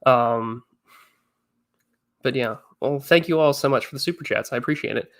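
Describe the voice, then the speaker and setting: Medium in pitch and normal in speed, a slightly congested man in his twenties streams casually. He chats away, reading viewer messages aloud and answering them.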